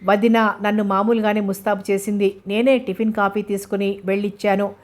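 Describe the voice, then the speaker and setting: Woman reading a novel aloud, even tone. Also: mid-range voice, brisk. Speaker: narrator.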